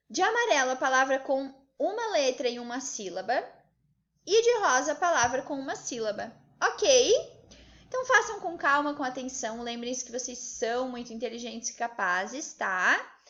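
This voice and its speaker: A woman's voice: high-pitched, a bit bright, dull audio. A Brazilian woman teaching a lesson to children, patient and encouraging, often checking in with the class. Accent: Brazilian Portuguese.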